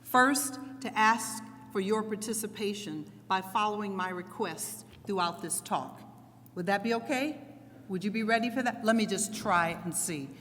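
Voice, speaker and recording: A middle-aged woman giving a lively keynote speech, playfully leading the audience in call-and-response. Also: medium pitch, normal speed. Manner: energetic, playful, commanding the crowd. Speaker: keynote speaker. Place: large hall with audience. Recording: long hall reverb, faint crowd noise.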